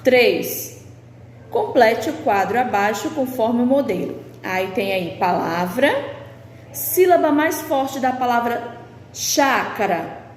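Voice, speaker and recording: Slow patient Brazilian woman teaching. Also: a little high, lively intonation. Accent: Brazilian Portuguese. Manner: slow, patient explaining, reading out questions. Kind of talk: remote lesson walking through a workbook. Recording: echoey room with long reverb, faint background hiss.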